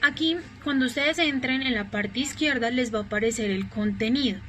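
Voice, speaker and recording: A woman teaching an English class in Spanish, a native Spanish speaker explaining examples patiently and slowly. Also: fairly high pitch, bright, forceful tone, low-quality recording. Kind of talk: recorded online class explanation.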